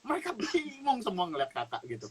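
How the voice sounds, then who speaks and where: A man giving an animated spiritual testimony as a talk-show guest, laughing often as he tells it. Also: high voice, a little fast, a crowd in the background.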